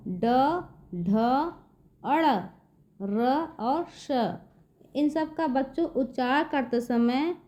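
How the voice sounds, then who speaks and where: Slow, high-voiced woman teacher. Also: mellow. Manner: patient, repeats "देखिए बच्चों" often. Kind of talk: slow classroom explanation to children. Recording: dull lo-fi recording.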